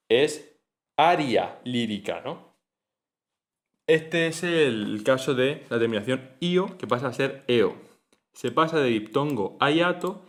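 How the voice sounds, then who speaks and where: Relaxed male teacher, talks through exam material conversationally, mid-range voice. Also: medium pitch. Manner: chatty, thinks aloud with frequent "¿no?" and self-corrections. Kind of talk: casual exam-prep lecture.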